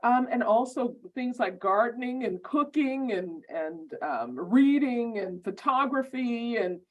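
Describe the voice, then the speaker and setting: Slow-talking woman hosting an online orientation. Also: a little high, animated. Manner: halting, many ums and repeated words. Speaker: law school program administrator. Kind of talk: welcoming remarks at an online orientation. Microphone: video call. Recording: muffled video-call audio.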